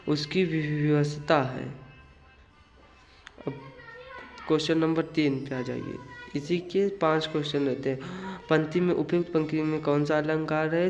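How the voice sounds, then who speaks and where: A man teaching, explaining an exam paper question by question in a slow, measured way. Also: fairly high pitch, dull audio.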